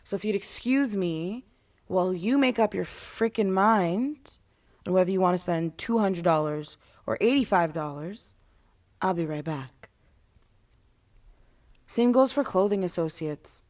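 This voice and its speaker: A woman's voice: fairly low pitch, lively intonation, unhurried, pauses often, darkish tone. A woman giving a casual, candid monologue in a blunt way, with casual swearing and sarcastic, exasperated asides. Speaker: retail worker giving advice to customers.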